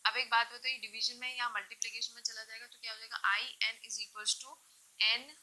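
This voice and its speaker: Speaking fairly quickly in a fairly high, bright and forceful voice with little pitch movement, a woman teaches chemistry in mixed Hindi and English. She explains step by step, asks questions and answers them herself, checking in often with short confirmations. Audio quality is poor.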